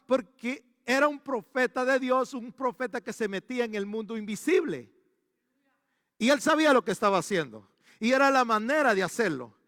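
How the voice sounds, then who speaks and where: A man's voice: very high-pitched, fairly bright tone, dry recording, clean studio sound, long reverb tail. A male pastor preaching a storytelling sermon in a church. He talks animatedly and often restarts his sentences.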